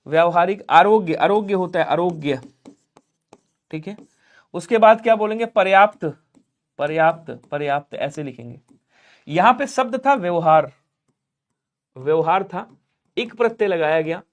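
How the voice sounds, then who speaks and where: A man teaching an online exam-prep grammar lesson, explaining step by step and asking his students questions that he answers himself. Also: sits high. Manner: urges viewers to like and subscribe.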